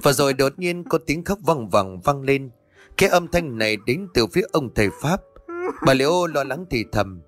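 A man narrating a horror audiobook at a steady storytelling pace. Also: mid-range voice, normal speed, soft background music. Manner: steady storytelling, voices each character.

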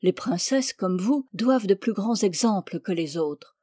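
Kind old nurse, woman reading, soothing, warm dry voice. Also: mid-range voice, lively intonation, measured pace, slightly rough, no echo. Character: kindly older nurse, soothing and wise.

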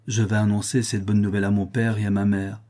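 A man's voice: fairly low pitch, level tone, fast talker, mellow, lightly acted. A man voicing a frightened young woman who anxiously confides a painful secret in a storybook reading. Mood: fearful.

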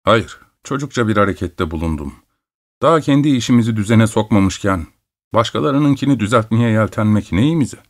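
A man voicing a calm, reserved gentleman who speaks in a measured way. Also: on the low side, lightly acted.

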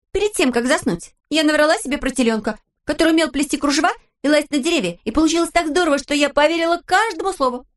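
A woman voicing a wild, cheerful young girl in an audiobook, talking in a high, shrill, playful way and boasting of her tall tales.

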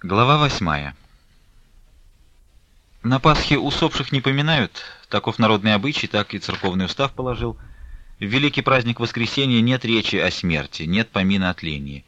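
A man narrating a classic novel aloud in a measured, expressive reading. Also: lowish voice. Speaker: audiobook narrator. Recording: dull lo-fi recording.

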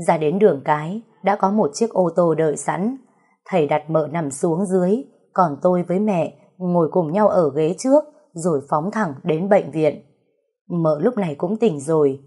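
A woman narrating a first-person story in a slow, emotional, dramatic reading. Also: lowish voice, dark tone, slightly rough.

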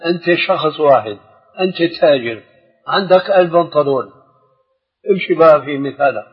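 Older levantine guy answering questions, firm, husky, muffled old tape, echoey hall. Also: fairly high pitch, fairly quick. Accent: Levantine Arabic. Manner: firm, steers the discussion. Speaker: religious scholar answering questions. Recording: dull old tape recording with long hall reverb.

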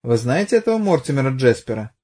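A man's voice: mid-range voice, very animated, fast talker, warm tone, husky. A man playing a blunt, mocking police detective who presses a witness, in an audiobook. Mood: probing. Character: pushy sarcastic middle-aged police detective.

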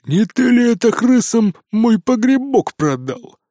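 A man's voice: very high voice, very animated, unhurried, dark tone, no echo, studio quality, pitched above the performer's own voice, heavily acted. A man voicing a greedy, thrifty pig who grumbles and sounds suspicious in a children's fantasy audiobook. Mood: grumbling.

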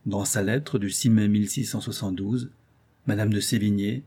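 A man narrating a children's storybook in a measured way. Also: lowish voice, fairly even intonation, dark tone, slightly rough. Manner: measured, addresses young readers. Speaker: audiobook reader.

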